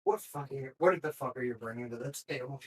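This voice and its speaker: A mid-pitched man trading crude, foul-mouthed banter, slipping into mock-angry rants. Loose, casual chat between friends about a video game. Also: moderate pace.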